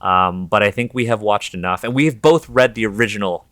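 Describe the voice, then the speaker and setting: This man's voice is lowish and a bit bright, his pace brisk, the recording dry. He's a podcast host from Toronto, Canada, with a Canadian accent, chatting in a candid, informal, reflective manner.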